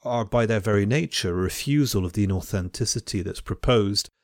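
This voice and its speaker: This man, a podcast host who also teaches at a university, speaks a little fast in a fairly low voice. His reflective, academic talk is full of restarted phrases, and the studio-quality recording has no room sound.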